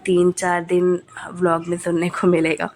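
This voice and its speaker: Young woman vlogger with a cold, low, flat voice, hesitant fillers, faint noise behind. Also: normal speed. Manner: chatty, many hesitation fillers. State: coughing, has a cold. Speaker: family vlogger. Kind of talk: casual vlog narration.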